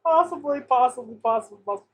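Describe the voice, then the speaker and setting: A woman's voice: sits high, quick pace, breathy edge. A woman co-hosting a podcast in casual, enthusiastic chat, laughing often. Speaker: podcast co-host.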